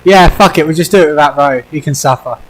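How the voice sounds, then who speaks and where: Here is a young British man running a gaming stream, slightly higher in pitch than most men. He talks casually, teases his friends, swears freely and laughs a lot. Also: fast talker, slight background noise, rough recording. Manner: teasing, swearing, laughing often. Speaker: streamer host.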